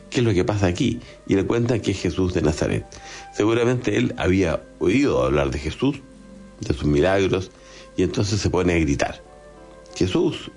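A man's voice: low voice, a little mellow. A man with a Chilean accent giving a conversational homily, often tagging his points with short questions. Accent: Chilean Spanish. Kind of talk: homily on a gospel passage.

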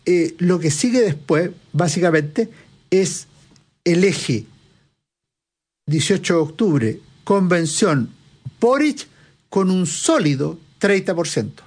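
Male analyst, high-pitched, lecturing, self-questioning. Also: a little mellow, husky. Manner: lecturing, poses and answers own questions. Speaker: political analyst guest. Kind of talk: analytical interview answer.

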